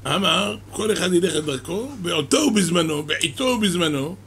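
A man giving a weekly Torah portion lesson, telling a Talmudic tale in a slow, measured storyteller's way. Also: high-pitched, lively intonation, fairly bright tone, a little hiss or hum. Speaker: Torah teacher.

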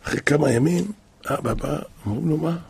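A man's voice: fairly high pitch, expressive, gravelly, darkish tone, breathy edge. A man telling a story aloud, speaking emotively and growing more intense at the dramatic moments. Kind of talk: spoken storytelling.

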